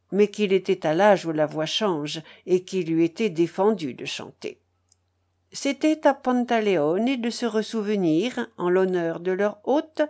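A woman narrating a classic novel in an unhurried, measured way. Her delivery rises and falls expressively, with a dramatic storyteller's touch. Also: mid-range voice, a little mellow. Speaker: audiobook narrator.

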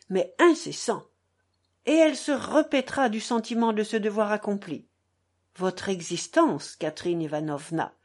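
A woman reading aloud, voicing a resentful young man who speaks with measured, bitter irony. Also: fairly high pitch, darkish tone.

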